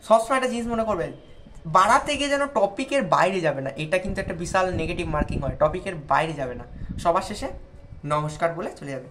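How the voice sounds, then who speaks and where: A woman's voice: fairly low pitch, brisk, fairly bright tone, slight background noise. A woman from India talking straight to students, giving patient, step-by-step advice on speaking in front of others. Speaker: tutor giving exam advice. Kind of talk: instructional talk to viewers.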